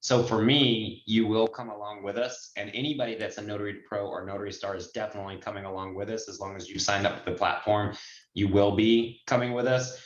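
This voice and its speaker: A man in his forties, a host and notary trainer, talks fairly fast in a lowish voice with fairly level intonation. He coaches participants in a chatty way on a muffled, roomy group video call, illustrating his points with examples.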